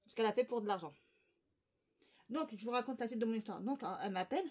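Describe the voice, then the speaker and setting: A woman's voice: on the high side, animated, fast, darkish tone, husky. A woman vlogger telling a rambling, gossipy story in casual chat, with lots of fillers and restarts.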